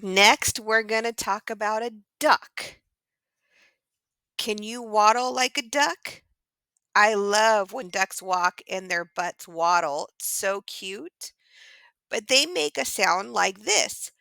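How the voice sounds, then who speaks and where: A cute, cheerful little pixie pig, voiced by a woman, hosts a children's farm-sounds lesson. He talks slowly in a bright, clear voice. He gushes and keeps urging the kids to try along, and the recording is close and dry. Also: medium pitch, no room sound, heavily acted. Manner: gushing, encouraging, asks kids to join in. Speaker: children's show host.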